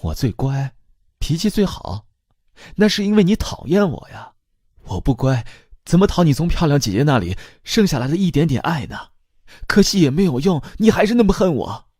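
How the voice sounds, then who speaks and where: A man's voice: big pitch swings, unhurried, mellow, breathy edge, no room sound, clean studio sound, heavily acted. A man voicing an anxious grown woman who begs her family for love, pleading and tearful. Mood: bitter. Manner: pleading, tearful, high-pitched.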